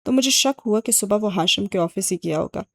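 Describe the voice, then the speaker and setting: A woman's voice: medium pitch, vocal fry. A woman reading an audiobook and voicing a sardonic young man who explains his schemes with dry sarcasm. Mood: wry. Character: sharp, sardonic young man, ex-agent uncle.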